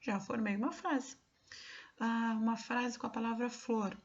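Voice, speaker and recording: A woman teacher with a Brazilian Portuguese accent, walking young children through a worksheet, patient and slow, checking often that they follow. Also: a little high, fairly even intonation, lo-fi sound. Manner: patient, explains slowly with many check-ins. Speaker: schoolteacher. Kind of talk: remote lesson walkthrough for young pupils.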